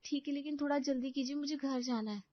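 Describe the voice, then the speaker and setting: A woman voicing a polite, deferential young working wife in an animated story. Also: sits high, quick pace, no echo, voice pushed up, lightly acted. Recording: dull lo-fi dry recording.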